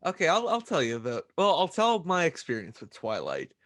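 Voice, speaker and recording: A young adult man co-hosting a casual music podcast, talking in a relaxed, conversational way and often stumbling at the start of his sentences. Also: a little high, a little fast. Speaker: podcast co-host. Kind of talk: casual chat.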